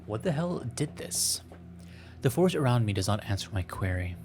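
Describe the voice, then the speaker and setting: A man with a lowish, slightly mellow, very animated voice reads a visual novel aloud at normal speed while hosting a let's play. He adds wry, self-deprecating commentary, frequently clears his slightly scratchy throat, and is backed by music.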